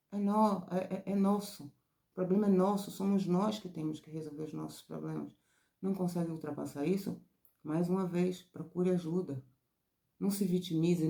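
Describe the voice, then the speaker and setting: A Brazilian woman therapist talks her viewers through a lesson in a loose, expressive way. Her voice is mellow and gravelly. The room around her rings with a noticeable echo. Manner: expressive, rises high and loud when excited. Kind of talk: casual teaching talk. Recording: roomy echo.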